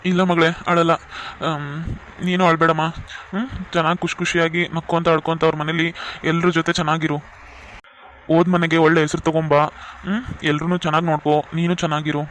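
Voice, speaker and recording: A man voicing a tender middle-aged father of the bride in a cartoon, speaking gently and reassuringly. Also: a little high, flat delivery, brisk, slight background noise, lightly acted. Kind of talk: cartoon voice acting.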